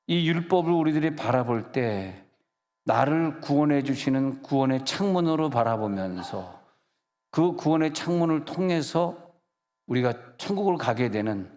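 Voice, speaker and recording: A man's voice: medium pitch, a little mellow. A male senior pastor preaching a conversational sermon, joking with the congregation and acting out quoted voices. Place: church sanctuary. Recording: long church hall reverb.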